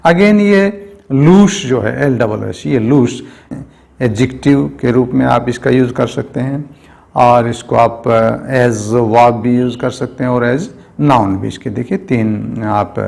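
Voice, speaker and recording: A man teaching an English grammar lesson. He explains things slowly and step by step, and he keeps asking "right?". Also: medium pitch, gravelly, darkish tone. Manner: slow, explanatory, often asks "right?".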